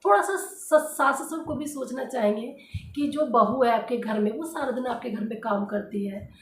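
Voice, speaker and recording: A woman's voice: fairly high pitch, normal speed, a little hiss or hum. Earnest housewife woman in a roomy echo. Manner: earnest, direct, repeats points with many fillers. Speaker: housewife vlogger giving advice. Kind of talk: casual advice talk to viewers.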